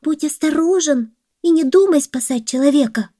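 Woman voicing a little mouse for a folk tale, high and chirpy, dry. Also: animated, normal speed, mellow, dry recording. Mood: eager. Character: tiny squeaky female mouse, eager to help.

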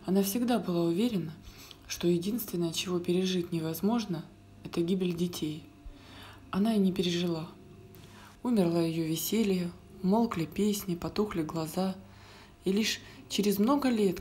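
A woman reading a story aloud, soft and often dropping to a whisper. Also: fairly low pitch, a little hiss or hum. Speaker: narrator.

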